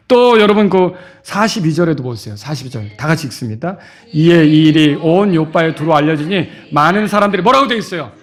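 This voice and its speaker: A middle-aged man preaching a sermon as pastor, acting out quoted voices and shouting at the high points.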